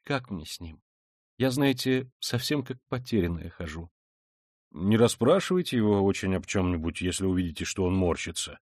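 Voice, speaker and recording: A man's voice: lowish voice, darkish tone, no echo, clean studio sound. Man playing a flustered older mother. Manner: flustered, exclaiming, rambling. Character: anxious fussy older mother, gushing.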